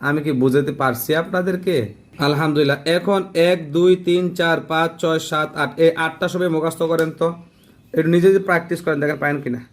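A man's voice: a little high, fairly even intonation, fast talker. A man teaching Quran letter pronunciation, drilling syllables one by one and asking his students whether they follow. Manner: patient, drills letters syllable by syllable and checks understanding. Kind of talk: slow classroom-style recitation lesson.

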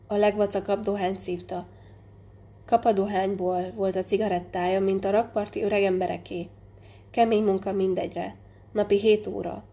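A woman narrating a literary audiobook in a measured, unhurried way, now and then stumbling and restarting a word. Her voice is low-toned and mellow with a gravelly edge, sitting at an ordinary pitch for a woman. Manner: measured, unhurried reading with small slips and restarts. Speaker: audiobook reader.

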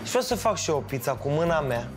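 A polite, eager man talking on a reality show. His voice is slightly high. Loud music plays behind him. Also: very animated.

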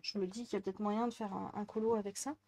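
A woman's voice: medium pitch, fairly even intonation, fast, warm tone, a little hiss or hum. Chatty northern French woman vlogger. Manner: rambling, chatty, many fillers. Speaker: crafting vlogger. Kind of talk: casual chat.

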